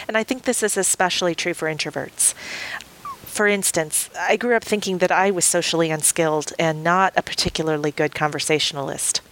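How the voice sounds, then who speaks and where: Low-voiced woman hosting a podcast. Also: poor audio. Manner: warm, encouraging, slightly hesitant questions. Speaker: podcast host, coach. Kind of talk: scripted intro, then casual interview.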